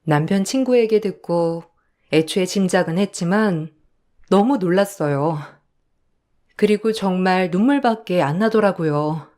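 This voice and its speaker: A woman's voice: fairly low pitch, unhurried, a little mellow. A woman reading a first-person story aloud in an emotional, confiding way. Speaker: story narrator.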